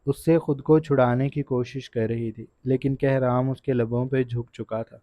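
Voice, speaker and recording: A man's voice: mid-range voice, steady tone, mellow, no echo. Man narrating a dramatic romance novel. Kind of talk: audiobook narration. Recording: dull, dry lo-fi recording.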